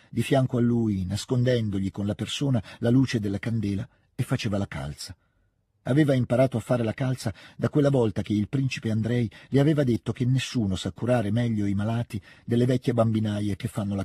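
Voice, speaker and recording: A man narrating a classic novel as an audiobook, in a measured, calm, expressive reading. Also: medium pitch, husky, dry recording, studio quality. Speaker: audiobook reader.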